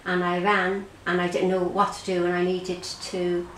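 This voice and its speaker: An Irish woman recounting her own experience in an interview, halting and repeating herself as she speaks. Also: fairly low pitch, monotone, a bit bright. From Ireland. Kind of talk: personal testimony in an interview. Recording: roomy echo, faint background noise.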